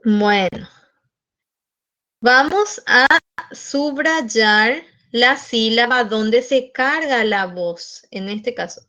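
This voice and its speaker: A woman teaching an online lesson, explaining slowly step by step and often checking in with the class. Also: a little high, sharp tone. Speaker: English teacher.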